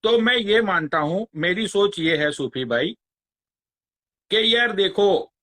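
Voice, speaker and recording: A man, ranting on a phone live stream in a slow, crude, mocking way. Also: sits high, expressive, fairly bright tone. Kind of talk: angry rant on a live stream.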